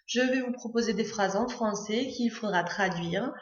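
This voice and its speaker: A woman's voice: fairly high pitch, moderate pace, reverberant, dull audio. A French-speaking woman teaching an English lesson, explaining step by step with frequent hesitations and fillers. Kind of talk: language lesson narration.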